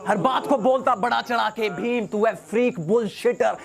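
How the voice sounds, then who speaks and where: A man's voice: very high-pitched, normal speed, vocal fry. A young man performing battle rap, cocky and taunting, dropping English phrases into his rhymes. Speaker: battle rapper.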